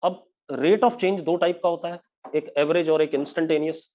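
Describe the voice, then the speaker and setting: Speaking in a fairly high, steady voice with a dark tone, a male physics teacher leads a live online class. He blends English terms into his Hindi, slows way down when dictating definitions, and keeps checking whether students understand.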